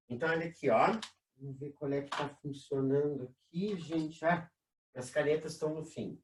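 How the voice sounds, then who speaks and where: Lively Brazilian teacher full of tag questions. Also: medium pitch. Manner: peppers sentences with tag questions, drawn-out emphasis on key terms. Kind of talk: recorded exam-prep class.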